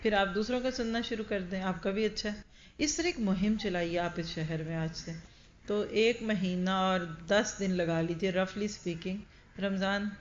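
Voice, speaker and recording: A woman's voice: medium pitch, dull audio, a little hiss or hum. A woman giving a religious lecture to a large audience. She speaks earnestly and directly, often putting questions to her listeners. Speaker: Quran teacher. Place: large gathering hall.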